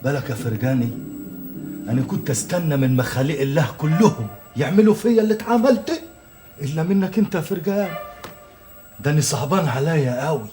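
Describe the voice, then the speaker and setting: An actor with an Egyptian accent, playing a hard-pressed man who blusters and then smoothly coaxes a worker he owes money, in a TV drama. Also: a little high, expressive, fast talker, warm tone, soft background music, lightly acted. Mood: coaxing. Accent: Egyptian Arabic. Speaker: father and businessman short of money. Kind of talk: 1980s TV drama acting.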